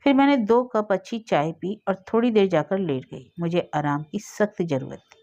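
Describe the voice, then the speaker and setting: A woman narrates an emotional first-person story, earnest and heartfelt. Her voice sits at a middling pitch, and the recording is dull and lo-fi. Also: normal speed, dark tone. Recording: dull lo-fi audio.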